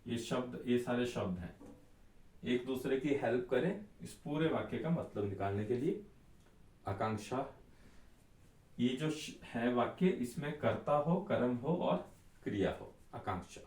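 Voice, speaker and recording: A man teaching an Ayurveda class, explaining slowly and repeating the key terms. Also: mid-range voice, lively intonation, a little mellow, far from the mic. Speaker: Ayurveda tutor. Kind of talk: classroom lecture. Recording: echoey room, voice off-mic.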